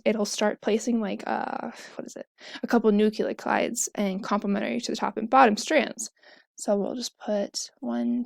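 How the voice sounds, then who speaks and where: A woman's voice: on the high side, gravelly, a little mellow, no echo, studio quality. A young woman talking casually, explaining a topic step by step while she draws, often correcting herself mid-sentence. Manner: chatty, self-correcting, fillers and asides.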